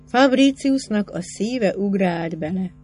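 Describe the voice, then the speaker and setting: A woman narrating a novel in an expressive literary reading, with lively rises in pitch. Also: faint music behind. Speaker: audiobook narrator.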